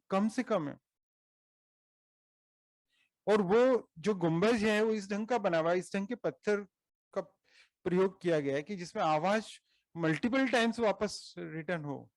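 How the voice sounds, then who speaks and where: A man with an Indian accent giving an earnest explanatory talk to a study group, working through his points slowly and asking questions he then answers. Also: high-pitched, dry recording. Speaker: speaker at a study circle meeting.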